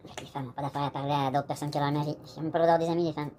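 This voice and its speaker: Fairly high-pitched and a little mellow, this man speaks rapid-fire with a flat delivery and a Québécois French accent. His casual vlog monologue meanders, speaks directly to the viewer, and is peppered with "là." There's a little hiss or hum.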